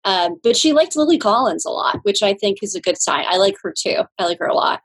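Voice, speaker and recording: A woman's voice: mid-range voice, expressive, brisk, slightly rough, rough recording. A woman filmmaker being interviewed, talking casually in a wry, thoughtful way. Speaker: filmmaker guest.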